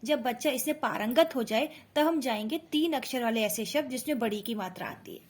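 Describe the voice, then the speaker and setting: A woman with a high, light voice gives a patient instructional lesson. She explains each step, slows down to sound out syllables one by one, and keeps checking in with her listeners. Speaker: teacher and mother. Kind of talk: instructional lesson for parents and teachers.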